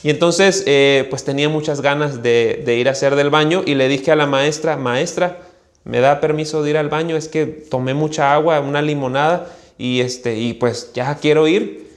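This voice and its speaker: A Mexican man preaching a sermon, telling a childhood story in an animated way and acting out the voices of the people in it. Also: fairly high pitch, moderate pace. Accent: Mexican Spanish. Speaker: pastor.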